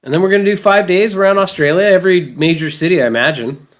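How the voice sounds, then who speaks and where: A podcast host in his thirties with a Canadian accent tells lively, rambling stories in casual chat, swearing freely. His voice is high and his pace quick.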